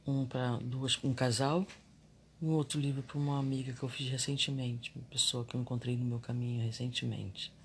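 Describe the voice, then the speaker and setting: His voice is gravelly and mid-pitched, with a little hiss or hum in the recording, and he speaks fairly quickly. The man muses in a confessional way about spirituality and ordinary life, turning animated when annoyed.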